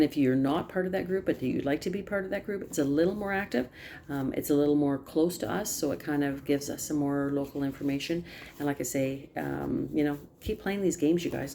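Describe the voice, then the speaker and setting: Speaking low and mellow over a video call, a woman who leads a team of direct sales consultants casually updates them. Her talk wanders, with plenty of ums and restarts and an apology for speaking quickly, while a faint hum fills the room.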